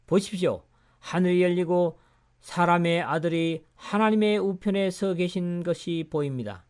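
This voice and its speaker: A man's voice: sits high, normal speed, a little mellow, clean tone, natural voice. A man voicing Stephen, a fervent and devout young believer in a scripture reading, speaking in an earnest, raised and pleading way. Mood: awed.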